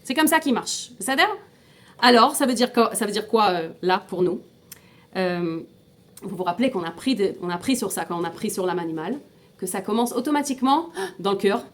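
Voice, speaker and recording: A woman's voice: medium pitch, animated, a little fast. A woman teaching an informal class, explaining step by step, asking her students questions and often restarting and repeating words. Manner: mixes in Hebrew terms.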